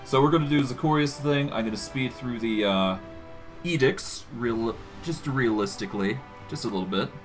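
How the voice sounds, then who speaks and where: A man's voice: mid-range voice, moderate pace, faint music behind. A man streaming a game, casually narrating his own moves as he goes. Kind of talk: casual live gameplay commentary.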